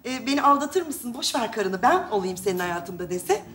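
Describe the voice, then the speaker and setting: A woman's voice: fairly high pitch, big pitch swings, normal speed. An actress playing a playful wife who teases her husband in a live stage sketch. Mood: teasing. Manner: playful, teasing. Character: teasing wife bragging about her boyfriend. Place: theater stage with live audience. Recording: echoey stage with faint noise.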